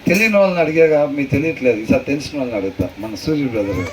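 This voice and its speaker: A man teaching a Bible lesson as a pastor, questioning his listeners and repeating verses slowly. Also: medium pitch, lively intonation. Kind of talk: conversational sermon with questions to the room. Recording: far from the mic, faint noise.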